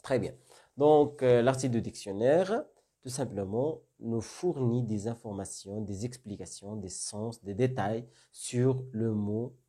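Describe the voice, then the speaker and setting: A man's voice: medium pitch, dark tone, husky. A man teaching French vocabulary in a lesson, explaining step by step and often checking with "d'accord?". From North Africa. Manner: explains slowly with repeated questions and "d'accord?". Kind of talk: classroom-style lesson.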